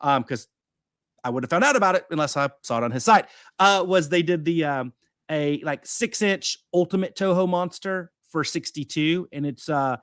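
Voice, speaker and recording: A man's voice: fairly high pitch, moderate pace, a bit bright, clear, resonant tone, no echo. Rambling, upbeat man with a dry sound. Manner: rambling, enthusiastic, many fillers. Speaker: podcast co-host. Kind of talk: casual chat.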